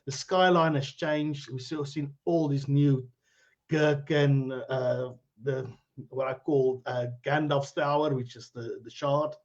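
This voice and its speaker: Speaking slowly in a mid-range voice with fairly even intonation, a middle-aged South African cryptocurrency educator rambles through a live-streamed interview as its guest. The video call audio is dull. He's talkative and quick to laugh.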